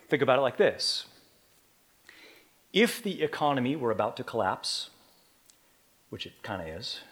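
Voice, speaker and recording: Dynamic male preacher, slow and emphatic. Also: high voice. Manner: dynamic preaching, swings from quiet to loud emphasis; rhetorical questions to the congregation. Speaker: pastor. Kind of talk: sermon.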